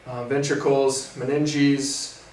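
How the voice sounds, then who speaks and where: A young man in his twenties, co-hosting and casually going over what he learned in class, relaxed and often trailing off softly. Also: mid-range voice, slow. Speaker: co-host, physical therapy student. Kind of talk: casual study recap. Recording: roomy, far from the mic, faint noise.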